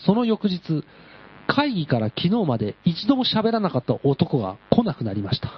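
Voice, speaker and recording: A man hosts a radio talk show and reads out a listener's letter in a deadpan, storytelling manner. His voice is husky and sits a little high, with lively swings in pitch. The studio sound is dull and lo-fi. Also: moderate pace. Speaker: radio host. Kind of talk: reading a listener letter aloud.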